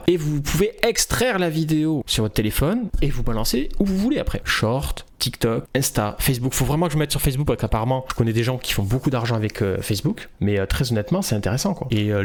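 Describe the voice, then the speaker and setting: A man talking casually on a livestream as an online business coach. His delivery is relaxed and conversational, with loose, rambling sentences and plenty of casual fillers. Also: mid-range voice. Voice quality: relaxed, chatty, frequent fillers and restarts.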